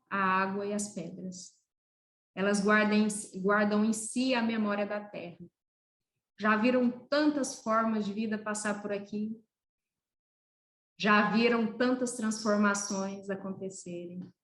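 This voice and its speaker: Female Brazilian veterinarian guest, mid-pitched, earnest and lyrical, echoey room sound. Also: a bit bright. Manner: earnest, poetic and emphatic. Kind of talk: reflective interview talk.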